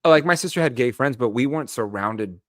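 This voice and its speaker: A man's voice: medium pitch, lively intonation, a little fast, no echo, studio quality. A man from Los Angeles co-hosting a podcast, telling a personal story in a rambling way with lots of fillers and self-corrections. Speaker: podcast co-host. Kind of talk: casual chat, personal storytelling.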